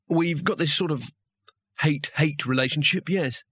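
Man as a nervous cowardly wizard, hurried excuses, bright tone, dry sound. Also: a little high, husky, dry recording.

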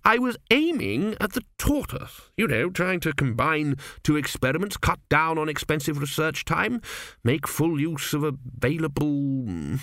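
A sulky, excitable little man with a bow, whiny and sharply raised above normal speech, as a man narrator puts him on. His voice is petulant and indignant. The sound is close and dry. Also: on the high side, a little slow, no room sound, pitched above the performer's own voice.

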